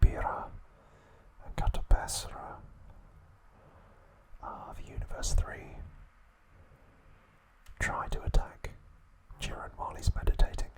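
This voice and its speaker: A male ASMR host narrates a recap in a soft, breathy whisper, his delivery gentle and halting.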